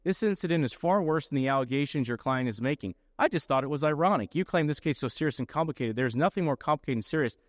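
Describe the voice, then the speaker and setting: A man's voice: a little high, animated, quick pace, hardly any pauses, no room sound, studio quality. A middle-aged man presenting to a room of lawyers, explaining points and checking in with his listeners as he goes. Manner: explanatory, often checks in with "okay?". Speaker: lawyer giving a talk. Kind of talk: conference presentation.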